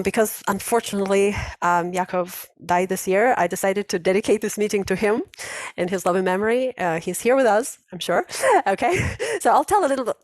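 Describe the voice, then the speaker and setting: Here the English class host, a woman in her 40s, speaks in a mid-range voice over dry, close video-call audio with no room sound. The online chat is casual, full of laughter, talkative energy and frequent restarts.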